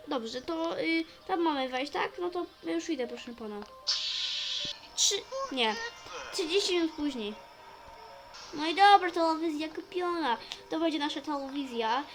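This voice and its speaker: A woman chatting in character as she plays a role-play story, narrating her own actions with sudden excitable outbursts. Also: high voice, normal speed, hardly any pauses, faint music behind, low-quality recording.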